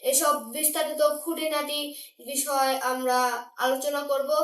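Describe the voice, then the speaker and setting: Eager high-pitched young woman welcoming pupils. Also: little pitch movement, moderate pace. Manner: bright, eager, repeats the teacher's words. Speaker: co-presenter and pupil. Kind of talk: lesson intro and answering the teacher. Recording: echoey room, voice from far off.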